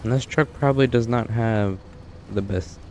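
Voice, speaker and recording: Young man, casual gameplay commentary, rambling, dry asides, low-pitched voice. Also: normal speed, darkish tone, slight background noise. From United States. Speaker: gameplay streamer. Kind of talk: casual let's-play commentary.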